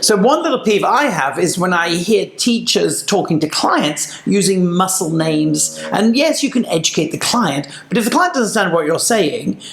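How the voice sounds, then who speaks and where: High-voiced man teaching in an echoey room. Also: expressive, moderate pace, hardly any pauses, a bit bright. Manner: earnest, explanatory, laughs easily. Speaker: Pilates teacher and co-host. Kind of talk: casual chat. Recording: roomy echo.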